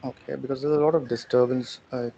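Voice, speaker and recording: A man's voice: mid-range voice, steady tone, brisk, creaky, mellow. A man studying German online, answering hesitantly with fillers. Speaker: student. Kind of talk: online tutoring session. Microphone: video call. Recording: muffled video call with faint noise.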